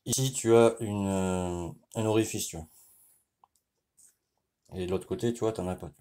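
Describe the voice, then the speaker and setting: Low, dark-voiced French man explaining. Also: steady tone, clear, resonant tone. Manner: informal, speaks directly to the viewer, frequent "tu vois"; explains while working, with pauses and restarts. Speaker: motorcycle mechanic. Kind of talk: casual hands-on tutorial.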